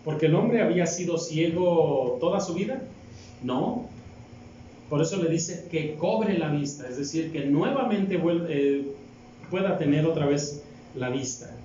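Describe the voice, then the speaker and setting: A man's voice: fairly high pitch, lively intonation, a little slow, mellow, a little hiss or hum. A man with a Mexican accent, a deacon preaching a sermon and reading scripture, asking the congregation question after question. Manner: asks the congregation rhetorical questions. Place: church hall. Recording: very echoey hall, distant mic, dull sound.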